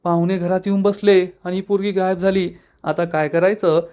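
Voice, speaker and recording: A man's voice: high-pitched, steady tone, normal speed, a little mellow, clean tone, natural voice. A man voicing a fussy, worried aunt who frets over a missing girl. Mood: fretting. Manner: exasperated, fretting.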